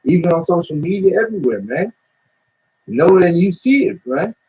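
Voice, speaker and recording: A man talks in a loose, rambling way, full of slang and swearing. His voice is husky and sits a little high. The sound is dull and lo-fi. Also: big pitch swings, normal speed, dark tone. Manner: rambling storytelling with slang and profanity. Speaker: discussion participant. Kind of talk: casual religious discussion. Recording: dull lo-fi recording.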